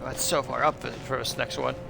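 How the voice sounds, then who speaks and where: A man's voice: mid-range voice, fairly even intonation, fairly quick, vocal fry, rough recording. A man voicing a dopey, dreamy, good-natured big lug in a video game, talking in simple, childlike phrases. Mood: dreamy, puzzled.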